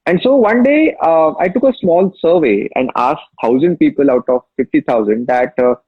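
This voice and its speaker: A husky, expressive man's voice on the high side, at normal speed, comes through a dry, dull lo-fi recording. He's an app founder from Maharashtra with Marathi-accented Indian English, emphatically telling his story as a casual interview guest and repeating key phrases.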